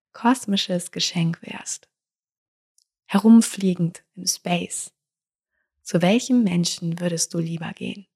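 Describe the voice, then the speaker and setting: Woman spiritual coach: husky, unhurried, intimate delivery that slips into whispers. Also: lowish voice. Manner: soft and intimate, drifting into whispers.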